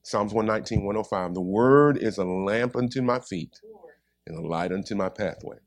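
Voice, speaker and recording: A man's voice: on the low side, moderate pace. A man preaching a sermon, repeating his points and calling out to the congregation.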